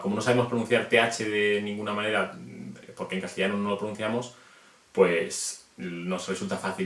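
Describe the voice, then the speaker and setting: A Spanish man with a Spanish accent, a reptile hobbyist, explains names to viewers in a video, chatting casually and poking fun at himself. His voice is on the low side yet fairly bright, and the room sounds echoey.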